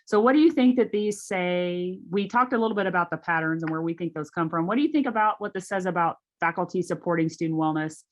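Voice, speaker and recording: A woman talks casually to a small group over a video call, full of asides and "like"s. Her voice sits a little low for a woman, and she sounds friendly and unhurried as she leads the session. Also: lo-fi sound. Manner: chatty, conversational, lots of "like". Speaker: faculty workshop presenter.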